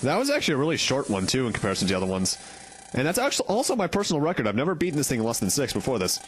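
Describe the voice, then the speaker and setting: Man, let's play host, very lively pitch swings, casual commentary, faint game music behind. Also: very fast.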